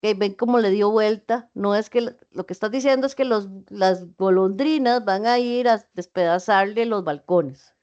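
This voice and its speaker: Woman teacher, mid pitch, patient explainer, online lecture over dull audio. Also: normal speed, a little mellow. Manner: patient, explains with spoken examples.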